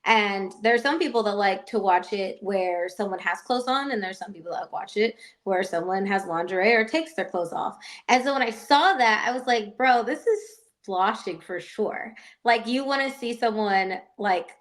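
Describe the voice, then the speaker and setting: A woman co-hosting a podcast in casual chat, talking fast and loose, laughing often and saying "like" a lot. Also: medium pitch, a bit bright. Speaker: podcast co-host.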